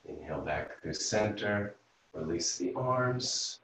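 A low-voiced man leads a yoga class at an unhurried pace, cueing each breath and stretch calmly. He sits well back from the mic in a very echoey room, so his voice carries a roomy, distant quality. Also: slight background noise. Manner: slow, calm step-by-step cueing of breath and movement. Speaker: yoga instructor and physical therapist. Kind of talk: guided yoga class instruction. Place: room at home, teaching over video call.

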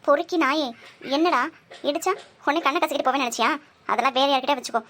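Fierce sharp-tongued young woman, voiced by a man. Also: very high voice, little pitch movement, pitched above the performer's own voice. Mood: angry scolding. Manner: scolding, rapid-fire insults.

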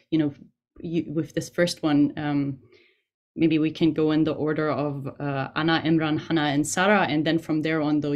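Female moderator, low voice, polite, a little stumbling, video call. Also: darkish tone. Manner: polite, organizing, stumbling over words.

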